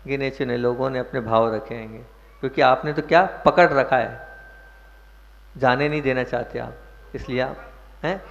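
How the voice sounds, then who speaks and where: A man's voice: mid-range voice, normal speed, gravelly, long pauses. A man, a monk, giving a sermon, questioning his listeners and stressing key words for emphasis. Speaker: Jain monk preacher. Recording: dull echoey hall recording.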